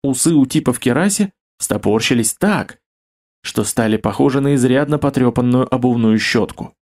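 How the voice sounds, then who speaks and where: Male audiobook narrator, steady, mid-pitched. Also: normal speed. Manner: steady storytelling. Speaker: audiobook reader. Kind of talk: scripted narration.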